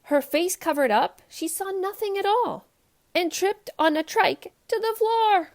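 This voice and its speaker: A woman hosting a children's read-aloud show narrates a storybook for young listeners, expressive and emphatic. Her voice is very high-pitched and her pace is measured.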